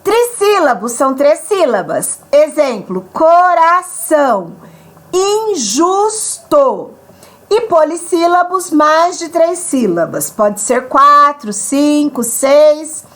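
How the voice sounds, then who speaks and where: A woman with a high, bright-toned voice leads an online grammar lesson. She takes her time over each point. She explains patiently and keeps checking that her listeners are following. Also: animated, slow. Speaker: teacher.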